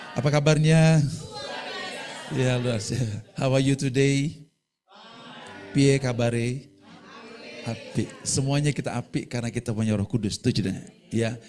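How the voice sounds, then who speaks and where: A man's voice: mid-range voice, dark tone. A man preaching a sermon, praying fervently and telling stories in a chatty way while often asking the congregation for agreement. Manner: fervent in prayer, chatty storytelling, asks the congregation. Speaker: pastor. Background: music.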